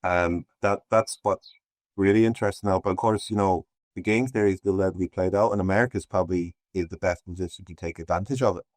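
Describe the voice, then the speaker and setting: A man speaks as a podcast guest in a very low voice. He rambles and restarts often in casual conversation, and the sound is dry and close. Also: steady tone, fast, no room sound. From Ireland. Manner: meandering, hesitant, many restarts.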